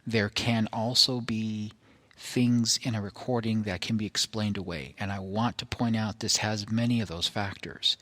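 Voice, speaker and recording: A man presenting a recording in an explanatory monologue, phrasing things carefully and haltingly, in short deliberate pieces. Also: on the low side, bright, forceful tone.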